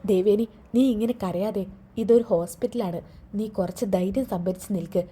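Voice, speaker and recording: A woman voicing a steady, soothing husband. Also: mid-range voice, normal speed, slightly rough, lightly acted. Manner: soothing, firm. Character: steady middle-aged husband comforting his wife.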